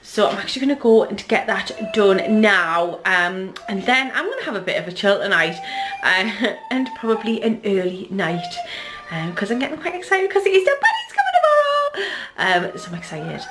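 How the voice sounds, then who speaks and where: A woman's voice: medium pitch, expressive, moderate pace, hardly any pauses, music in the background. A woman in her thirties with a Geordie accent, chatting casually to her camera at home in a rambling family vlog. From North East England. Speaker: vlogger, mother.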